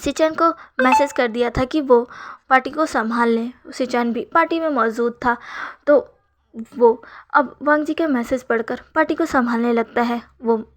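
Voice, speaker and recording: Woman narrating a storybook tale. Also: a little high. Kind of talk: narrating a fan fiction story.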